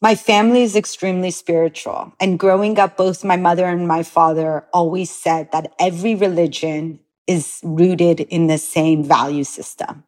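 Woman in her forties, guest, earnest personal story, low-pitched voice. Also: fairly even intonation, normal speed, few pauses, darkish tone. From born in Iran, raised in Los Angeles. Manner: earnest, reflective, searching.

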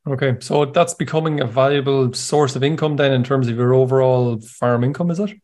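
Male host for a relaxed interview; medium pitch, roundabout, thinking-aloud delivery. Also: a little fast. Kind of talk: conversational interviewing.

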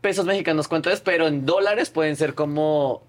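A young man, telling stories as a guest in a casual interview and acting out the people in them. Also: fairly high pitch. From Colombia. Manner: animated, quick storyteller who acts out the people in his stories. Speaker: guest, video creator.

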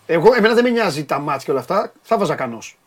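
A man with a notably high voice leads a lively sports panel chat. He is animated and teasing, and he rattles off repeated words in quick bursts.

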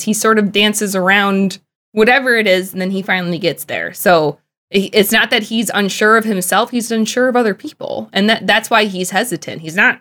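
A woman's voice: medium pitch, fairly bright tone. A woman co-hosting a casual podcast, thinking aloud in a thoughtful, analytical way with many fillers and restarts. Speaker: podcast co-host.

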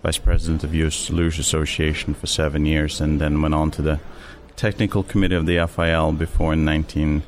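A middle-aged man from Norway with a Norwegian accent, answering interview questions in a measured way with many fillers and restarts. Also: very deep voice, flat delivery, slight background noise. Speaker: interview guest, sports official.

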